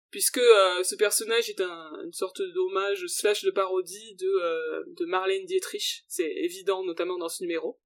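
A woman co-hosting a casual podcast about musicals, lively and opinionated, with fillers. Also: medium pitch. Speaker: podcast co-host.

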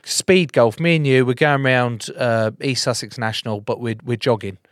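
A man's voice: mid-range voice, fairly even intonation, normal speed, no echo, clean studio sound. A man hosting a podcast in casual chat, joking, swearing and laughing often. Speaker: podcast host.

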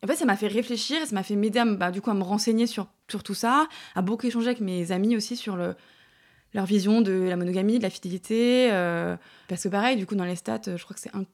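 A woman's voice: medium pitch, darkish tone. A woman in her thirties chatting as a podcast guest, with many fillers and words that trail off to near-whispers. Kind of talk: casual interview chat.

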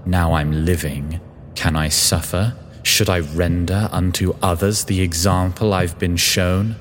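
A man reading the lines of a haunting, accusing female clone in a spoken verse story, in a quiet, measured way. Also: low-pitched, steady tone, big-room sound, slight background noise. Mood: questioning.

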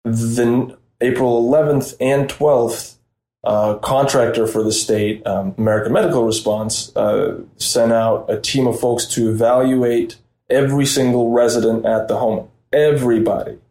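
A young man from Russia talks through a casual interview as a reporter guest, full of "you know" and restarts. His delivery is animated and his pitch jumps up when something strikes him. The recording has a noticeably roomy, echoey sound. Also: unhurried. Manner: animated, rambling with many fillers.

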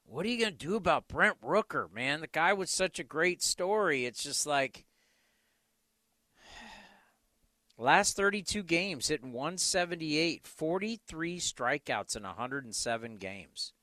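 Male sports talk host, slightly high and sharp voice, conversational and blunt, very dry studio sound. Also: expressive, measured pace, no room sound. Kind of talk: casual sports talk, commentary.

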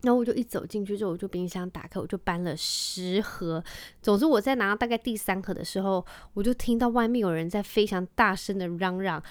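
A woman, a mother telling stories to her vlog audience in a lively, chatty way and mixing in English phrases. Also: mid-range voice, fairly quick, no room sound. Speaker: vlogger and mother. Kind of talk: casual chatty monologue.

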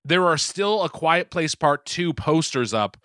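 A man's voice: on the high side, animated, a little slow, a bit bright, dry recording, clean studio sound. A man with a Boston accent chatting casually and comedically, swearing freely and often stumbling over repeated words as he starts. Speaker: podcast host.

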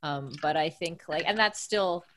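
A woman speaks as a guest on a podcast in a relaxed, casual chat. Her voice is low for a woman. She talks in a thoughtful, rambling way. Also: normal speed. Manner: thoughtful, rambling, laughs easily. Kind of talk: casual conversation.

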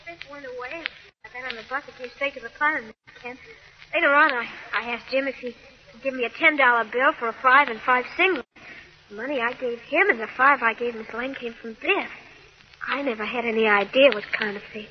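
On a dull vintage radio recording, a woman plays an earnest young girl from a gang. Her high voice is plaintive and slangy, in 1940s radio acting style. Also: brisk, natural voice. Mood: earnest, pleading. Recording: muffled noisy old radio recording.

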